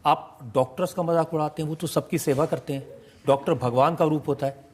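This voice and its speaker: Formal TV host guy, slightly high pitch, measured and pointed. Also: fairly even intonation, darkish tone, slightly rough. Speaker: TV courtroom-style interview host. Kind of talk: formal questioning of a guest.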